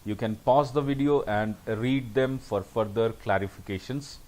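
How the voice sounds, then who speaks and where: A man's voice: medium pitch, normal speed, darkish tone, low-quality recording. A man giving a recorded lecture over slides, often saying "okay" between points.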